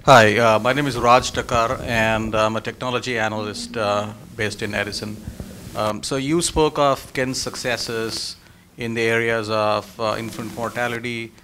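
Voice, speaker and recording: A man's voice: medium pitch, sharp tone, a little hiss or hum. A man, a technology analyst, politely asks the panel a question from the audience.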